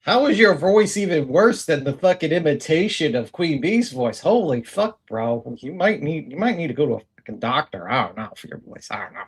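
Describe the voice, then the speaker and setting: A man's voice: on the high side, big pitch swings, brisk, hardly any pauses, breathy edge. A man co-hosting a casual talk stream, mocking video clips with lots of swearing and laughter. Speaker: co-host. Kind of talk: casual profane commentary on clips.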